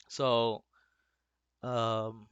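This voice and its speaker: Slow, bright-voiced young dungeon master. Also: male voice, medium pitch, steady tone, clean tone, no echo, lo-fi sound. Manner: hesitant, full of ums. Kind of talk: narrating a tabletop game.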